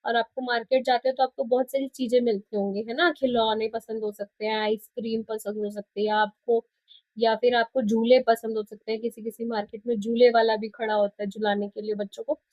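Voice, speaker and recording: Indian woman teacher, patient, slow, encouraging small pupils; dull lo-fi recording. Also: fairly high pitch, a little mellow, no echo. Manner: explains English words in Hindi, praises the pupils. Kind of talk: bilingual lesson for young children. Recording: dry, dull lo-fi sound.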